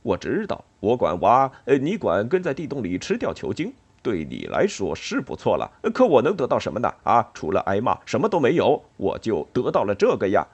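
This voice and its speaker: A man voicing a blind old male mole with a low, chuckling, good-humoured manner in a storybook reading. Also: huge pitch swings, brisk, hardly any pauses, darkish tone, breathy edge, dull audio, heavily acted. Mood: teasing.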